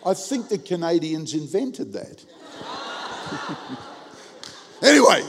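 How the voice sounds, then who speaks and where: A man preaching with comic timing, acting out every quote and jumping from quiet asides to shouts. His voice sits high and swings widely in pitch. The sound carries a long reverb from a large auditorium. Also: takes it slowly, background noise. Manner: animated, comic, acts out quotes with big jumps in loudness. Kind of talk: humorous sermon storytelling.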